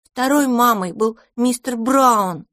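A woman's voice: fairly high pitch, takes it slowly, no echo, studio quality, voice pushed up. A woman doing a squealing little kitten boy. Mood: eager. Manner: squealing, excited.

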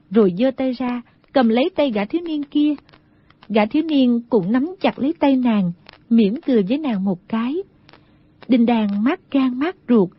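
A woman narrating an audiobook in a steady storytelling manner. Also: fairly high pitch, breathy edge. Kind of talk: scripted narration. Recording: dull lo-fi audio.

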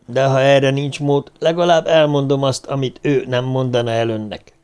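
A defeated, bitter ruler speaks in a strained, hoarse-edged voice, as a male audiobook reader puts him on. He sits at a mid pitch and sounds spiteful and desperate. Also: darkish tone, close to an everyday voice. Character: cornered, bitter male ruler bargaining for revenge. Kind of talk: audiobook character reading.

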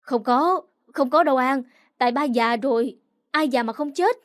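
A woman reading a storybook voicing a brash, defensive young man who talks roughly. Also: sits high, normal speed, no echo, studio quality, close to an everyday voice. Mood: blustering. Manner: rough, blustering.

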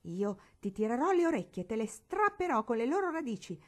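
A woman voicing a spiteful, bratty rich girl in a storybook reading, taunting and shrill when angry. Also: animated, normal speed, a little mellow. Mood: furious.

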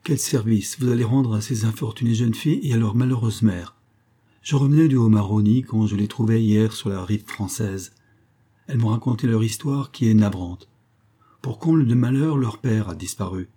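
A gray-bearded older priest, as a man reads him aloud asks for help in a measured and courteous way. His voice is low and dark, with a husky edge. He keeps an earnest, storybook calm. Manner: measured, polite, pleading.

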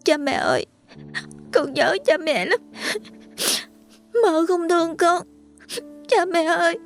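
A woman's voice: extremely high pitch, expressive, slow pace, soft background music, pitched above the performer's own voice, exaggerated voice. A woman voicing a young orphan girl who weeps for her lost parents. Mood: weeping. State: crying.

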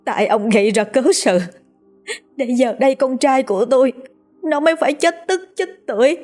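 A woman's voice: mid-range voice, normal speed, soft background music, close to an everyday voice. A woman voicing an older wife who stammers breathlessly in fear and grief for her dead son. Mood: sobbing. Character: grieving older wife, frantic and reproachful.

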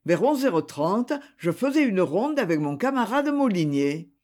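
A man's voice: high-pitched, sing-song, a little slow, darkish tone. A man voicing a police officer who reports what he saw, respectful and assured. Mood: firm. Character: dutiful police officer giving testimony.

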